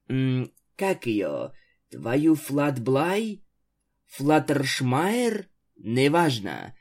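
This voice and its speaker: A man voicing a haughty elder vampire pony sister who speaks in a mocking, cold and domineering way. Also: mid-range voice. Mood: dismissive.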